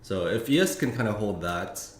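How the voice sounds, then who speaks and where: Male streamer, low voice, casual and halting, lots of fillers; roomy echo, keyboard typing behind. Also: animated. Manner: rambling, thinking aloud with many fillers and restarts. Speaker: futures trading streamer. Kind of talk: casual live-stream market commentary. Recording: echoey room with faint noise.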